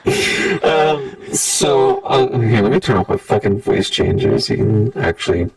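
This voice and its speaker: A man's voice: mid-range voice, wildly swooping pitch, unhurried, gravelly, noisy background. A man running a roleplay game as game master, talking through a voice changer, casual, joking and swearing. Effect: voice changer altering his voice. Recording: distant mic with loud music.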